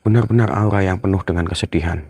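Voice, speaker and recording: A man with a low voice guides his viewers through a night ghost hunt outdoors. He speaks in a hushed, tense way, sometimes dropping to a whisper. Now and then he murmurs prayers under his breath. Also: steady tone, quick pace, creaky, muffled recording, a little hiss or hum. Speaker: ghost-hunting vlogger.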